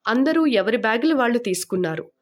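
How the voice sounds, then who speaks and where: Woman audiobook narrator, mid-high voice, steady, even telling. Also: fast.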